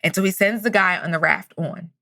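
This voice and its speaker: A woman's voice: mid-range voice, a little fast, creaky, pushed and bright, no room sound, clean studio sound. A woman hosting a motivational podcast, telling stories and speaking with enthusiasm. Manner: enthusiastic, storytelling. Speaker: podcast host.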